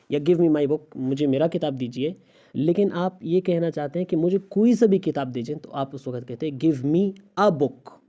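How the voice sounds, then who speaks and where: A man's voice: fairly high pitch, dark tone, lo-fi sound. A male English teacher giving a recorded grammar lesson, explaining step by step and asking rhetorical questions of his student.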